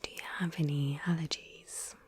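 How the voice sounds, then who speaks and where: A woman whispering softly and gently through an ASMR interview roleplay. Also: deep voice, flat delivery. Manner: soft, slow, gentle whispering. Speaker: ASMR creator.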